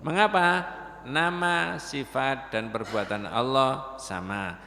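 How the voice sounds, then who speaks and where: A gravelly man teaches a religious study class. He keeps quizzing his listeners as he goes. The recording carries a long hall reverb and faint room noise. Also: medium pitch, takes it slowly. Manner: lively, quizzes listeners with rhetorical questions. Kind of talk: mosque study lesson.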